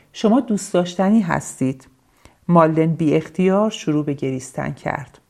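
A woman calmly reading a self-help passage aloud and then explaining it to her listeners, repeating phrases for emphasis. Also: low-pitched. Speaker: speaker addressing listeners.

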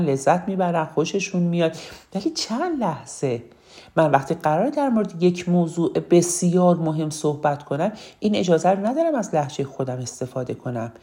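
Low-voiced earnest woman speaking coach. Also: warm tone. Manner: earnest, repeats key phrases for emphasis. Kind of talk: instructional talk on public speaking.

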